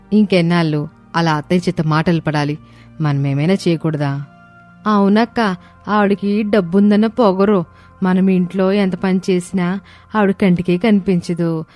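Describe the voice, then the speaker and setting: A woman voicing young daughters-in-law in an animated story, eager and pleading. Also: lowish voice, dry recording, natural voice.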